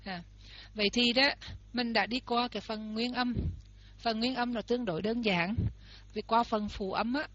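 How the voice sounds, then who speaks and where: Woman explaining a lesson step by step, bright higher voice, muffled lo-fi sound. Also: steady tone, moderate pace. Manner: explains step by step, repeats example words aloud. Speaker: teacher. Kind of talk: lesson on Pali pronunciation. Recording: dull lo-fi recording.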